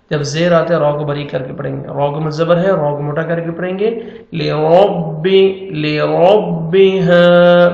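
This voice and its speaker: A man with a high, gravelly voice teaches a Quran reading lesson, patiently spelling out letters and vowel marks one syllable at a time. The recording sounds roomy, with the highs cut off.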